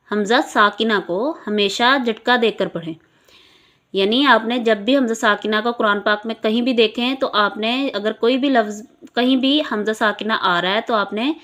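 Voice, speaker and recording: A woman with a Pakistani Urdu accent teaching Quranic recitation rules, patiently repeating syllables slowly for learners to follow. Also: fairly high pitch, a bit bright.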